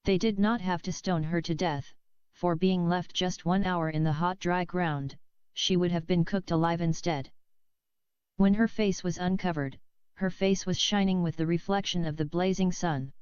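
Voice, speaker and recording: A woman narrates a book chapter in a steady, measured audiobook reading. Her voice is exceptionally smooth and sits a little low. The recording is dry and close, with a slightly dull, lo-fi sound. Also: no room sound. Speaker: audiobook reader.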